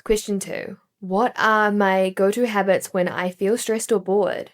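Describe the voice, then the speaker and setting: A woman's voice: mid-range voice, steady tone, unhurried. A woman from New Zealand in her thirties, hosting a wellness podcast in an upbeat, chatty and encouraging way. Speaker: podcast host. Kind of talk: solo wellness podcast talk.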